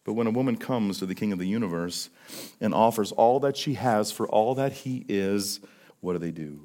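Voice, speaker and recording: A man preaching a sermon as pastor, swinging between loud emphasis and hushed questions, with many rhetorical questions. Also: on the low side, normal speed. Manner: repetitive rhetorical questions, frequent "right?".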